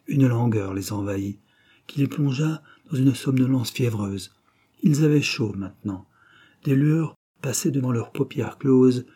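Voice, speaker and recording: Warm, husky male audiobook narrator. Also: medium pitch. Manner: measured, expressive reading. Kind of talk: scripted narration of a classic novel.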